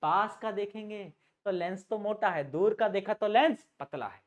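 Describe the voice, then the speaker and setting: A man's voice: high-pitched, moderate pace, highs cut off. Playful, teasing male teacher. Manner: playful, teasing, calls students "beta"; mixes English terms into Hindi. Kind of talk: energetic exam-prep lecture.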